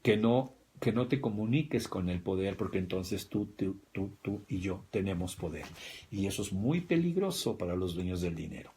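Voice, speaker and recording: A man's voice: low voice, animated, moderate pace, warm tone, slight background noise. Emphatic Mexican man lecturing. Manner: emphatic, repetitive, addresses listeners directly. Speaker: speaker on spirituality and health. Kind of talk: livestream lecture.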